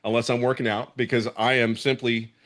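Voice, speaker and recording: On a video call, a middle-aged Philadelphia man who belongs to the program gives an emotional testimonial in his local accent. He's passionate and emphatic and often says things twice. His voice is medium in pitch, level in tone, fairly quick and fairly bright.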